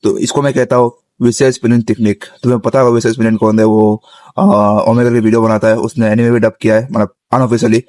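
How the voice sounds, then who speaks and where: Flat-toned young man coaching on a rooftop. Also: medium pitch, fast, no echo. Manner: instructive, keeps checking in with listeners. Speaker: vocal tips presenter. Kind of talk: casual spoken tutorial. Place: outdoors on a rooftop, sitting on the ground.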